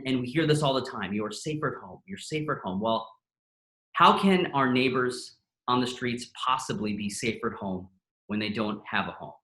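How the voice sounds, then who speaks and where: A man's voice: mid-range voice, pushed and bright, echoey room, poor audio. A man hosting a live benefit event, joking and self-deprecating between earnest remarks. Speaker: host.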